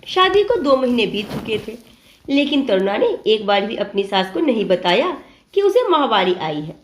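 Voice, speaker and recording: A woman narrating an emotional family story in an expressive, dramatic storytelling manner. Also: fairly high pitch, moderate pace, slight background noise.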